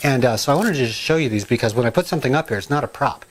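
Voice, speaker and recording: A middle-aged man chatting casually in his home kitchen, rambling and excitable, full of asides and ums. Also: medium pitch, rapid-fire. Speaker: home cooking and gardening vlogger.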